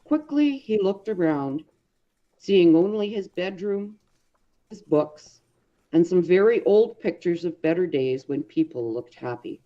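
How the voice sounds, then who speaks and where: This audiobook reader is a woman with a lowish, dark voice that has soft edges. She narrates a story expressively and deliberately, using dramatic phrasing, though the recording sounds somewhat dull and lo-fi.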